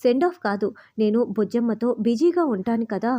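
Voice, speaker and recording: A woman's voice: on the high side, lively intonation, brisk, dark tone, slight background noise, lightly acted. A woman voicing a tearful, caring young wife and stepmother in a read-aloud serial recap, in her plain reading voice. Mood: sorrowful.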